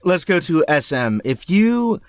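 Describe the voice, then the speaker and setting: A man's voice: on the high side, very animated, unhurried, no echo, studio quality. A young man hosting a group chat, passing turns with hesitant fillers. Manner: moderating, hesitant. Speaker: host.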